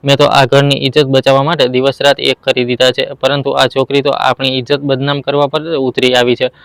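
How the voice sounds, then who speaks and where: A man voicing a sly, scheming young wife who levels false accusations, in a flat, smooth voice. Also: mid-range voice, brisk, no echo.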